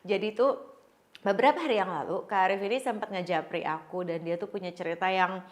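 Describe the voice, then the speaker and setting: A woman's voice: medium pitch, a little fast. A woman hosting a podcast in a casual, chatty way, mixing in English words and often echoing what her guest says. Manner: echoes guest's words and gives frequent backchannels; informal, mixes in English words. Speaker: podcast host.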